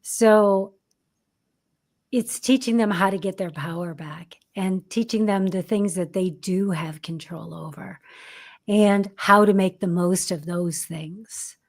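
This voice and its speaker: A medium-pitched, slow-speaking woman from the United States, in her fifties, reflects candidly on a podcast where she's the guest. She works as a career coach for actors, and her speech is full of restarts and fillers.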